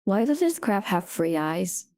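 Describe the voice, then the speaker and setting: A woman streamer reacting casually to a video, incredulous and teasing with deadpan jokes. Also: medium pitch, measured pace.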